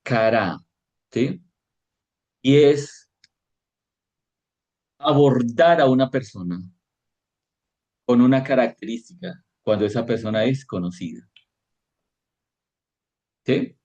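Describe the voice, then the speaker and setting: A man teaching a devotional Bible lesson as pastor, slow and questioning, often checking in with his listeners. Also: mid-range voice, darkish tone, muffled recording.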